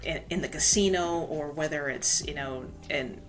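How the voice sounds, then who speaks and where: Chatting through a relaxed podcast interview, this Hawaiian guest author recounts her story with frequent "you know" fillers. Her voice sits low and moves at normal speed, with faint music playing behind her.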